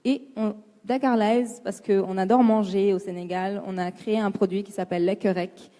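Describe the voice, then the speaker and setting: Woman panelist, mellow and hesitant, long hall reverb. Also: medium pitch, fairly even intonation, moderate pace. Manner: hesitant, many "euh"s. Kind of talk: panel self-introduction.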